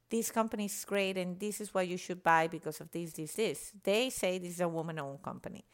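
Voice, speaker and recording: A woman's voice: mid-range voice, creaky, fairly bright tone. A woman from Venezuela, speaking passionately and emphatically in a podcast monologue. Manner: passionate, emphatic, citing statistics. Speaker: podcast guest.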